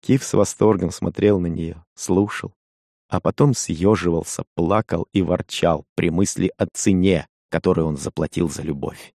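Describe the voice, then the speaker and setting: A man narrating a story with a low, mellow voice. His delivery is measured and expressive. The recording is dry and close. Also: gravelly, dry recording. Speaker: audiobook narrator. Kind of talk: scripted narration.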